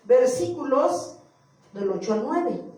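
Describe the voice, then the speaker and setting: A woman's voice: sits high, animated, slow, dark tone. A woman preacher delivering a sermon to her congregation, reading scripture verses aloud and repeating them. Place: church. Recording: echoey hall, far from mic.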